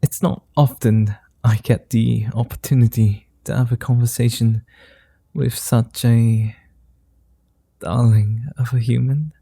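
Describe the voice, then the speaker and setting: Taking his time over every word, a male voice actor plays a tender, teasing immortal vampire in an ASMR roleplay. His steady, mid-range voice is very dark, gravelly and husky, with a soft, slow, flirty manner and a dry, close recording.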